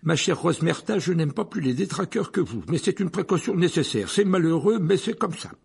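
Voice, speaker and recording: A man's voice: on the high side, expressive, brisk, vocal fry, husky, pitched above the performer's own voice, heavily acted. A man voicing a pompous middle-aged official who blusters and stammers. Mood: blustering. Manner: hesitant stammer, blustering, hushed at times.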